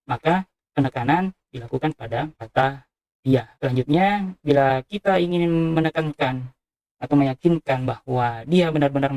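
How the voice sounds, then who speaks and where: A man's voice: medium pitch, a little mellow, no echo. A man giving a university lecture, explaining step by step with frequent "eh" fillers. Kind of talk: recorded lecture on speech sounds.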